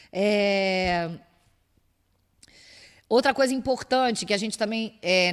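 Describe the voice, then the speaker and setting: A woman with a Brazilian Portuguese accent giving an academic lecture, explaining step by step and asking rhetorical questions. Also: medium pitch. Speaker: university lecturer. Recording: long reverb of a lecture hall.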